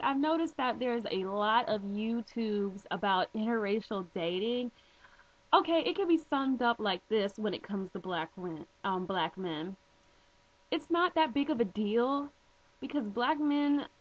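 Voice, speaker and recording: A woman vlogging a direct-to-camera response, blunt and emphatic, posing pointed rhetorical questions. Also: on the high side. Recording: dull lo-fi home video audio.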